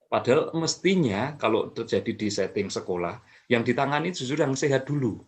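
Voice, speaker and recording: Calm explaining man, mid-pitched. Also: normal speed. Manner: calm, explanatory, many fillers and restarts. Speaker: mental health expert guest. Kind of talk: explanatory talk.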